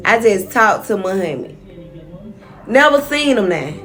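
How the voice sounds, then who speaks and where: Young woman, storytime vlog, candid, profane, conversational, medium pitch. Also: sing-song, unhurried, a bit bright, faint music behind. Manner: frank and profane, talks straight to viewers. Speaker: storytime vlogger.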